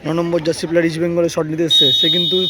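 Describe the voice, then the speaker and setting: A man's voice: on the high side, monotone, racing. A man giving live football commentary on a penalty shootout, repeating phrases for emphasis, recorded outdoors. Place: outdoors at a local football match. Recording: outdoor recording with crowd noise.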